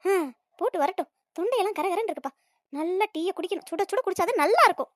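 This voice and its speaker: Cartoon: woman voicing a sly, nagging old mother-in-law, very high and fast. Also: animated, no room sound, clean studio sound. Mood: scheming. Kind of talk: cartoon comedy voice acting.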